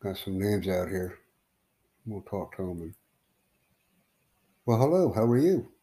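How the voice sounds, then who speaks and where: A man from the United States hosts a casual live stream, talking with strangers he meets online. His voice sits low and sounds mellow and dark. He rambles and halts, leaning on fillers as he goes. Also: sing-song. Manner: rambling, halting, with many fillers. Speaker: livestream host.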